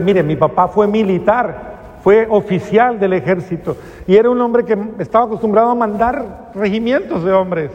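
Middle-aged male priest, testimony sermon, slightly high, mellow voice, big echoing hall. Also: highs cut off. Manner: emotional, rising to pleading cries then dropping to near-whispers. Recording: reverberant hall with faint ambience.

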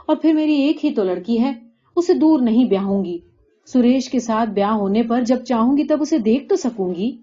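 An anxious village mother, middle-aged and insistent, pleading and pressing her case, as a woman reader gives her voice. Her tone sits fairly high and mellow. The recording is dull and lo-fi. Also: animated.

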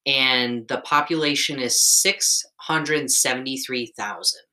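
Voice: medium pitch, unhurried, pushed and bright. A podcast host presenting a top ten countdown in a conversational way, reading out figures and adding chatty asides. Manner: reads figures out, then adds chatty asides with tag questions.

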